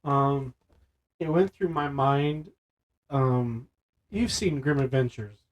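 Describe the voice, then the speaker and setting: Animated man retelling a film. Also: medium pitch, slow, rough recording. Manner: animated scene-by-scene retelling, full of "like". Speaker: podcast co-host. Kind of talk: casual chat.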